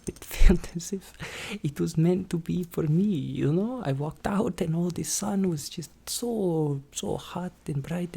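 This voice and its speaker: A woman voicing an eccentric, boastful, excitable vampire in a theatrical, rambling ASMR ASMR role-play, slipping in and out of a breathy soft voice. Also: low-pitched, full character voice. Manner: theatrical, chatty, rambling, drawn-out exclamations. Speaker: ASMR performer.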